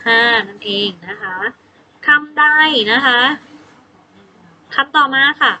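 Slow, high-voiced Thai woman teaching English. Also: highs cut off. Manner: spells out words sound by sound, gentle prompting questions. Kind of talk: slow, patient classroom instruction.

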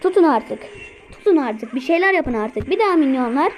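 A woman giving live gameplay commentary, excitable, talking to herself and repeating words as she plays. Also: high voice, normal speed, a little hiss or hum, poor audio. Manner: excitable, talks to herself while playing. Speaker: gameplay streamer.

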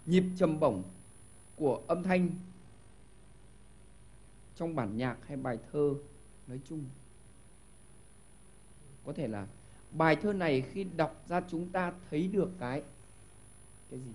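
A man hosting a TV quiz show in a studio, giving lively hints and often stumbling over repeated words. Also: a little high, unhurried, pauses often. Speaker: game show host.

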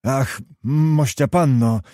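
A proud, fiery young noble officer in an audiobook, pressing his case with vehement reproach, as a male reader gives him voice. The tone is dark and mellow, in a dry, close sound. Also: mid-range voice, takes it slowly, no room sound, natural voice. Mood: bitter.

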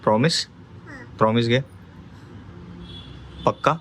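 A man's voice: mid-range voice, takes it slowly, a bit bright, a little hiss or hum. A man vlogging about his family, talking to viewers while firmly coaxing and teaching his small child at mealtime. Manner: coaxing and firm, teaching a toddler.

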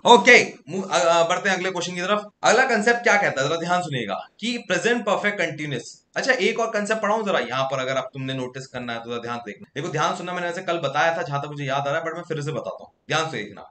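Brisk, bright-voiced Hindi-speaking grammar teacher. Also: male voice, fairly high pitch, lively intonation, roomy sound. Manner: urgent, coaxing, drills students to answer fast; mixes Hindi with English grammar terms. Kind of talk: online exam-prep class.

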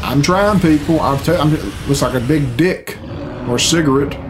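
This reaction video host is a man in his thirties whose voice sits on the high side and moves at normal speed, with some background noise. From a small indoor bedroom, he delivers casual, sardonic, profanity-laced reactions while video game cutscene music plays.

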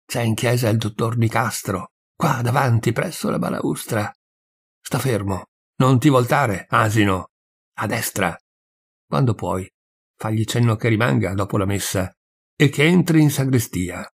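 A man voicing a flustered, evasive elderly priest who mutters quietly, with a gravelly, husky voice, in an audiobook reading. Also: mid-range voice, measured pace. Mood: hushed scolding. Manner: hushed, mumbling at the altar. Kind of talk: audiobook reading of a short story.

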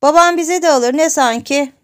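Woman doing a little seven-year-old girl bragging back, stubborn, high voice. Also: moderate pace, natural voice. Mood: boastful.

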